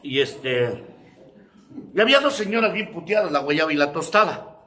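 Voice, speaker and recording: A man with a Mexican accent giving a coarse, joking testimony at a recovery group, swearing constantly and breaking into shouts. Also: a little high, animated, moderate pace, echoey room. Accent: Mexican Spanish. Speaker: speaker sharing his testimony at a recovery group. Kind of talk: profane testimonial talk.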